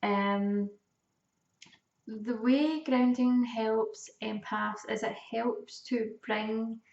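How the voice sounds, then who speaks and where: A woman giving an informal lesson in a calm, measured manner, leaving drawn-out pauses. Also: on the high side, gravelly. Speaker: energy healing teacher. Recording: echoey room, distant dull mic.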